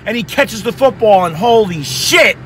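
Hoarse from all his yelling, a high-voiced young sports fan vlogger fires off an excited, profanity-laced post-game rant from inside his car at night. A little hiss or hum sits under the audio.

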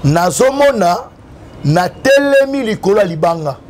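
Here the young Congolese prophet's voice sits high and swings widely in pitch, a little mellow, moving at a measured pace. Interviewed under cover outdoors by a tiled wall, he preaches fervently in Congolese-accented French, mixing in Lingala and half-singing now and then. The sound comes through a lapel mic, and he is from the DRC.

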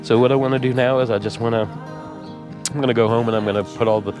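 A man vlogging from his RV, talking tearfully and haltingly with many pauses and fillers. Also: medium pitch, steady tone, music in the background. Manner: rambling, halting, with many ums and uhs. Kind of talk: casual vlog talk to camera.

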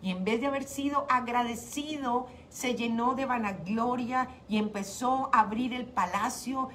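A woman's voice: a little high, unhurried, slight background noise. A middle-aged woman hosting a radio devotional, telling a Bible story and acting out the dialogue. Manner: warm storytelling, acts out dialogue.

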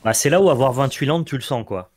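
A man co-hosting casual gameplay commentary, quick and excitable as he coaches his partner through each turn. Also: medium pitch, no room sound. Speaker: co-host advising the player.

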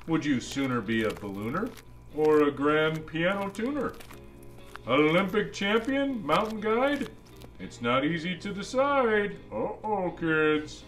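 A man's voice: fairly high pitch, fairly bright tone. A man playing a jolly old Santa Claus, reading a children's storybook aloud with playful, musing asides to the kids. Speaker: storybook reader.

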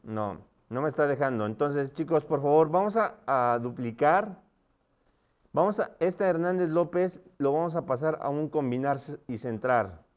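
A man's voice: a little high, expressive. Man teaching, checking in constantly. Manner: checks in often with quick questions to students. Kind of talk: live online class instruction.

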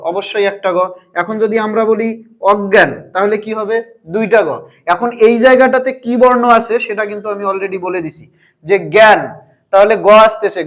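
A man teaching a language lesson, asking his viewers questions and answering them himself. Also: sits high. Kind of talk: explanatory grammar lesson.

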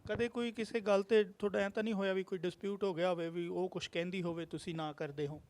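A male reporter quietly leads an interview, asking gentle questions and murmuring along as he listens. His voice is high for a man. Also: level tone, quick pace. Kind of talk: news interview.

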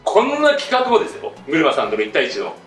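A young man in casual chat, flustered and halting, speaking deferentially. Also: on the high side, huge pitch swings, fairly bright tone. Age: young adult. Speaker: junior performer, target of a prank. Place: small meeting room with hard walls. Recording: echoey room, distant mic, music behind.

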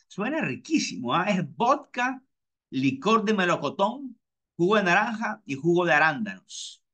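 A chatty podcast host with a bright voice tells personal stories in a casual monologue. He repeats himself and mimics his friends in high-pitched voices.

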